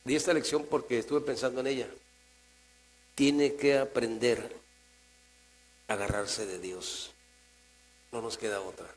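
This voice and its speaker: Mexican-accented male pastor, mid-pitched, conversational preaching that swings quiet to emphatic, low electrical hum under it. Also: fairly even intonation, measured pace, pauses often, poor audio. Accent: Mexican Spanish. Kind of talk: sermon. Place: church. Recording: mains hum in the background.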